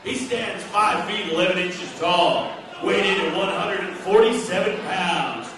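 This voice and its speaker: A man's voice: sits high, unhurried. A middle-aged man announcing a fight as a boxing ring announcer, projecting like a showman and drawing out the names in formal introductions. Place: indoor fight venue with ring. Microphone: handheld PA microphone, recorded from the audience. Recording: echoey noisy hall, far from mic.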